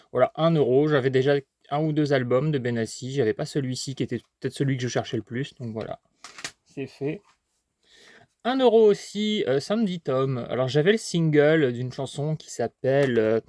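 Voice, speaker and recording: A man's voice: medium pitch, a little mellow, no echo. Chatty man rambling through a haul. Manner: chatty and rambling, many fillers and restarts; talks while eating. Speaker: collector vlogger. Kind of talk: casual haul chat.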